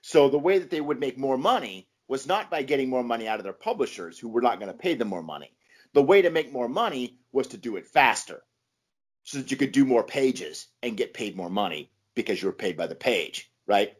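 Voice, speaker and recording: A man talks as a scholarly guest on a podcast. He explains things informally and emphatically in a medium-pitched voice, often checking that the listener follows. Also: very animated, a little fast, breathy edge. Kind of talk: informal explanatory interview talk.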